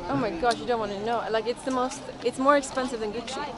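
A woman's voice: on the high side, fairly even intonation, fast. Teasing woman laughing at a market. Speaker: travel vlogger. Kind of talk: casual chat while walking. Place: busy outdoor street market. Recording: crowd chatter behind.

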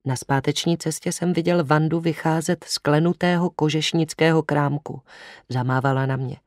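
A male audiobook narrator who tells the story with expressive, feverish energy. His voice sits slightly high, and it is recorded close and dry. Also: no echo. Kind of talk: first-person audiobook narration.

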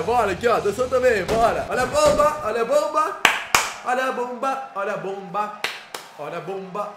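A man from Brazil giving playful, excitable gameplay commentary, joking and shouting out bursts as he plays. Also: sits high. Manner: playful, excitable, jokey with sudden exclamations. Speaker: gaming YouTuber. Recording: faint music behind.

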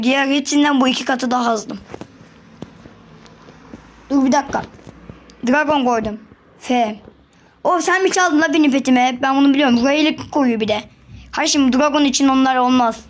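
Excitable high-voiced woman narrating gameplay. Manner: excitable, repeats words, chatty with other players. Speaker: gaming channel host. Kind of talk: casual gameplay commentary.

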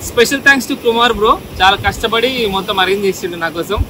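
Speaking a little fast in a high voice, a Telangana fishing vlogger gives a casual, excitable narration from a rocky seashore at night, mixing in English phrases. His outdoor camera recording carries wind and surf noise.

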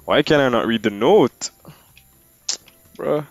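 A man's voice: mid-range voice, slow, soft background music. A young man giving slangy, reactive commentary while playing a horror game, calling everyone bro. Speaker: gamer. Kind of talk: live gameplay commentary.

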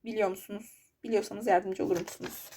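A woman's voice: mid-range voice, fairly even intonation, fairly quick, mellow, slight background noise. Frustrated young woman vlogging about studies. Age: young adult. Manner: chatty, frustrated, self-deprecating. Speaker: exam student vlogger. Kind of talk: casual study vlog.

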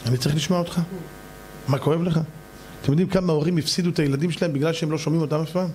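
A man, a rabbi, giving an animated sermon and acting out the voices of people in his stories. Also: on the high side, slight background noise.

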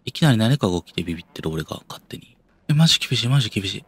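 A young man with a Kansai accent plays through a horror game, keeping his voice low and then yelping when startled. His pitch swings all over the place. The sound is dry and close, with no room echo. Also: very animated, racing, slightly rough. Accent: Kansai Japanese. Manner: jumpy, yelps and mutters to himself, talks himself down. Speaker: game streamer.

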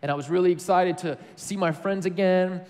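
A man from Tennessee preaching a sermon, telling a personal story in a conversational, animated way. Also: high-pitched, fairly quick, big-room sound. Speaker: pastor.

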